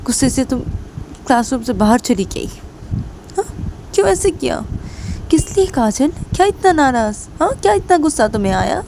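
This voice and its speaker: A woman doing a high, coaxing teacher-lover. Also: big pitch swings, moderate pace, gravelly, a little mellow, slight background noise, heavily acted, poor audio. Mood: pleading. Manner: coaxing, keeps asking "haan?". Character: pleading woman college teacher, anxious lover.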